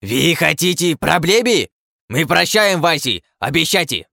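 A man's voice: very animated, unhurried, sharp tone, no room sound, clean studio sound, heavily acted. A man voicing a pompous male goblin leader who talks in broken, mangled speech, in an audiobook. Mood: haughty. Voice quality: shrill, gravelly, mangled grammar.

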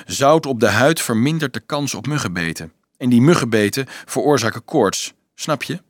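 A man's voice: mid-range voice, lively intonation, normal speed, dry recording, close to an everyday voice. Man reading as a serious young crusade leader, terse, dry close sound; storybook role. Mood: earnest. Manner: curt, serious. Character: earnest teenage boy leader of a crusade.

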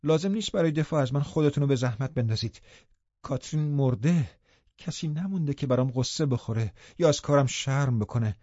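A man voicing a bitter, vengeful young man in an audiobook, talking loud and threatening. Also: medium pitch, breathy edge, no echo, close to an everyday voice. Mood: raging. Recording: muffled lo-fi recording.

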